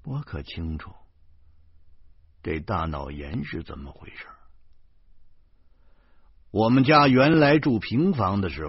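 A man's voice: on the low side, slightly rough, no echo. Wry man reading a novel. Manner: wry, animated storytelling. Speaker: audiobook narrator. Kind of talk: first-person novel narration. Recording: dull lo-fi recording.

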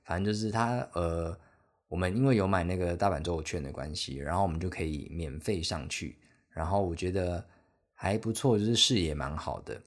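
A man's voice: deep voice, fairly quick. A young man with a Taiwanese Mandarin accent hosting a solo podcast, telling a travel story in a rambling, self-deprecating, chatty way. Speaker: podcast host.

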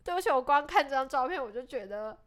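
A young woman with a Taiwanese Mandarin accent, co-hosting a casual podcast chat, reacting to her friend's story with teasing questions and quick laughs. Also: high-pitched, lively intonation, fairly bright tone. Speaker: podcast co-host.

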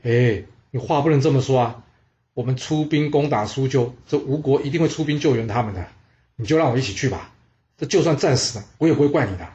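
A man's voice: medium pitch, quick pace, a little mellow, lo-fi sound, close to an everyday voice. A headstrong old general with a brash, insistent way of talking, voiced by a man telling a story. He exclaims and presses his point, proud and unbending. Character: old male general, bold and stubborn.

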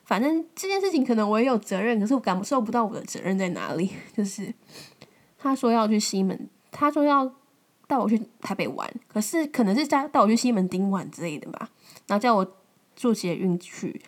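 A woman's voice: a little high, sing-song, a little fast. A young woman in her twenties from Taiwan, hosting a podcast and telling a personal story in a loose, conversational way, full of fillers and restarts. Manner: conversational, many fillers and restarts, rises when retelling angry lines. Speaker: podcast host. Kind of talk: casual storytelling monologue.

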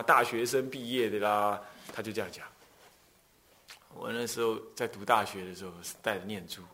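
A middle-aged male Buddhist abbot with a Taiwanese Mandarin accent, giving a dharma talk as animated storytelling. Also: a little high. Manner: animated storytelling, acts out quoted voices.

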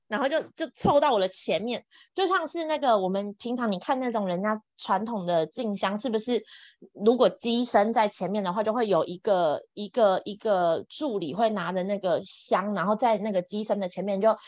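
Female podcast guest, expressive storyteller with excited high bursts, dry close sound. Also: no room sound. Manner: expressive, exclamatory, laughs often, jumps between high excited bursts and soft asides. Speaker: podcast guest, event planner. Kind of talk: animated personal storytelling.

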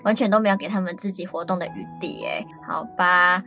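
A woman's voice: fairly low pitch, sing-song, a little fast, pushed and bright, soft background music. A young woman from Taiwan co-hosting a casual radio chat, leading topics and asking her partner questions. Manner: asks questions, leads topics. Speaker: co-host.

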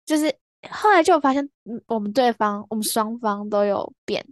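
A woman's voice: fairly high pitch, no room sound, studio quality. A young woman hosting a podcast, telling stories in a playful, teasing way. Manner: playful, teasing, quick storytelling. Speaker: podcast host. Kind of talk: casual chat.

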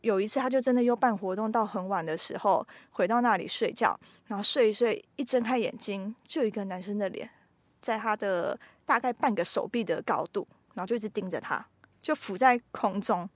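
A young woman, a podcast host casually telling ghost stories with lively suspense. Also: medium pitch, a little fast, no echo. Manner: lively storyteller, builds suspense.

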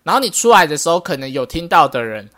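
A man's voice: fairly high pitch, fast. A man co-hosting a podcast, telling a story in casual chat and acting out other people's lines as he goes. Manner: animated, acts out others' lines while telling. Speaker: podcast co-host.

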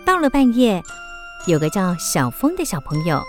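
A woman giving gentle, lilting scripted narration for a children's radio drama. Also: mid-range voice, very animated, normal speed. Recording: children's music underneath.

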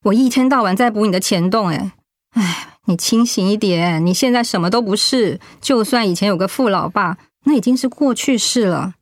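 In a radio drama, a woman plays a proud, stubborn middle-aged wife and mother who sounds exasperated. She speaks bluntly and sardonically at a medium pitch and normal speed, in a natural voice. The recording is close and dry.

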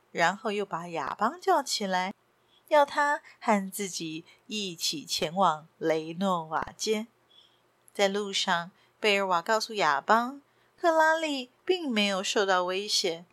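A woman's voice: medium pitch, no room sound. Woman narrating a story, dry sound. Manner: steady storytelling. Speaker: audiobook narrator. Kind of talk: scripted narration.

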